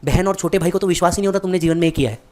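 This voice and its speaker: A man's voice: high voice, rapid-fire, a little mellow. A man giving a motivational speech, telling a dramatic story straight to the listener. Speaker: motivational speaker.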